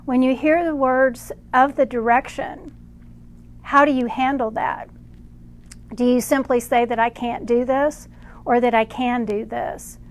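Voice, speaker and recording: A woman with a slightly high voice delivers channeled spiritual guidance. She talks slowly and deliberately, pausing between phrases. She refers to herself as "we" while she relays it. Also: fairly even intonation. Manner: slow, measured, speaks as "we" for unseen guides.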